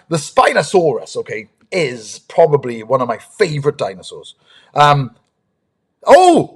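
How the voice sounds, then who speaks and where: A man from the United Kingdom, playing a dinosaur ranger, hosts a live stream for young viewers. He greets them eagerly and chattily with plenty of ums, in a voice that's on the high side with a breathy edge.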